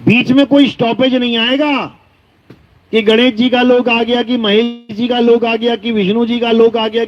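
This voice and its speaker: Male preacher, high voice, slow chanted verses then plain explanation, muffled lo-fi audio. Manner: rhetorical questions, emphatic repetition. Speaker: spiritual preacher. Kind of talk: devotional discourse. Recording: dull lo-fi recording.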